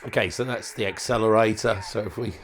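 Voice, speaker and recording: Speaking fairly quickly in a fairly low, fairly even voice, a man shows off his modified radio equipment in a casual hands-on demo. He thinks out loud with hesitation, often letting sentences trail away, over slight background noise.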